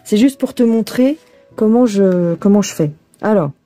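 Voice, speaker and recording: A woman's voice: medium pitch, normal speed, dark tone, soft background music. A woman casually explaining cross-stitch while she works, chatting and thinking aloud to the viewer. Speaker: cross-stitch tutorial host. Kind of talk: casual hands-on embroidery tutorial. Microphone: phone filming her hands.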